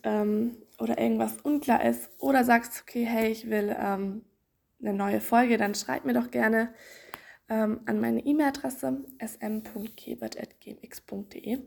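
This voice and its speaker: A woman with a mid-range, creaky, husky voice and a darkish tone hosts a podcast. She gives casual instructions for kids' swimming exercises, leaning on playful images and lots of fillers.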